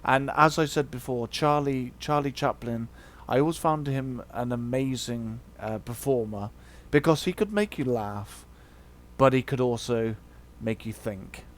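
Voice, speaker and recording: A man's voice: medium pitch, unhurried. A man hosting a video, giving a casual opinion monologue in a hesitant, reflective way. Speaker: video host.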